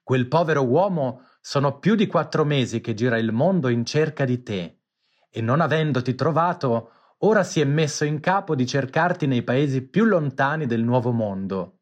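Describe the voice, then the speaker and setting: A man voicing a large, kind pigeon in a storybook reading, in a calm, plain tone. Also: medium pitch, moderate pace, natural voice.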